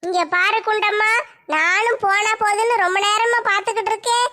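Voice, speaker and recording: A woman voicing a possessed village woman who acts as a pompous king, speaking slowly and grandly. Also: extremely high pitch, fairly even intonation, pushed and bright. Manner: slow, pompous, demanding. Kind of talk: comedy skit voice acting.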